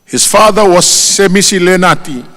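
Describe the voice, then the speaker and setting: A man with a Tongan accent, Tongan being his first language, gives a formal funeral eulogy in a solemn, measured manner, raising his voice on each name. His voice sits high and sounds bright and forceful, and the recording carries a long hall reverb.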